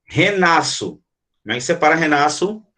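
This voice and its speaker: A man's voice: on the high side, sing-song, moderate pace, bright, forceful tone. Man teaching Portuguese phonetics, questioning. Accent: Brazilian Portuguese. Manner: explanatory, asks the class questions. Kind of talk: online grammar lesson.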